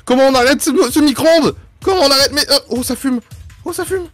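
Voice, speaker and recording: A man playing a bumbling, boastful uncle in a video game role-play film, excitable and stammering as he repeats himself. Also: very high-pitched, fairly quick, dry recording, faint music behind. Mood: panicked. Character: bumbling, boastful uncle who panics and dodges blame. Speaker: babysitting uncle.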